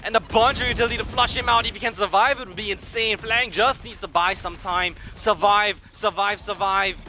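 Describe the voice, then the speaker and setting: A man doing excited play-by-play commentary of an esports match, his voice going hoarse. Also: sits high. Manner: rapid hype calls, shouting at big plays. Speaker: esports caster.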